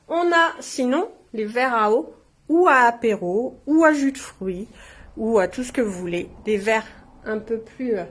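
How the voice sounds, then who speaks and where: Slow-talking woman showing her products. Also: a little high. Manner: chatty, warm asides to viewers. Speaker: shop presenter. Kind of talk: casual product showcase.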